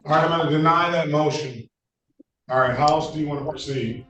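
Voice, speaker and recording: A man's voice: fairly high pitch, brisk, fairly bright tone, faint music behind. A man presiding as a judge over a virtual hearing, heard over a video conference call, firm and curt, repeating words as he cuts in. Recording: echoey, distant conference call audio.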